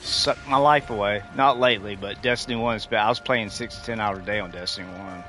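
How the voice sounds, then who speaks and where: Speaking fast with a sharp tone and a lowish voice, this livestreamer in his forties talks casually to chat while playing. He rambles and keeps restarting sentences over soft background music.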